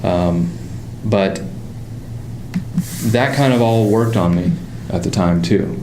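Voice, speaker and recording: Recorded in a roomy, echoey space with constant noise underneath, a very low-voiced man with a Pittsburgh accent talks at a slow pace. He is a motorcycle designer from the Pittsburgh area, United States, telling his story as a guest in a casual interview, rambling loosely with many ums and restarts.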